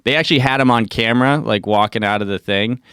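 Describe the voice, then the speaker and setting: A man's voice: lowish voice, fast, fairly bright tone, smooth, no room sound, clean studio sound. A man in his thirties, a comedian guest in casual podcast chat, laid-back and self-mocking, trailing off with fillers. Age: 30s.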